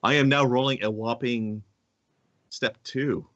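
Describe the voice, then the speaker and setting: A man's voice: mid-range voice, steady tone, a little slow, fairly bright tone, no room sound, dull audio. A man playing a tabletop game, joking and teasing the others. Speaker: player.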